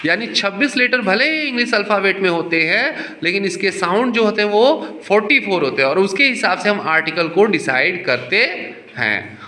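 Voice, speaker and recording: Man, teacher, repeats and quizzes students, high voice. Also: sharp tone, echoey room. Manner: explains slowly, repeats points, quizzes students. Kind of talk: classroom teaching in Hindi and English. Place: classroom.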